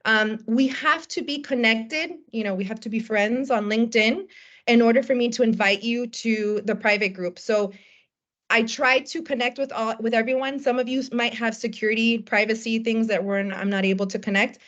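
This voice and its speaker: A woman's voice: fairly high pitch, steady tone, normal speed, a bit bright. A woman hosting a video call, upbeat and casual, mixing in Spanish words as she calls on people. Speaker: host. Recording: dull video call audio.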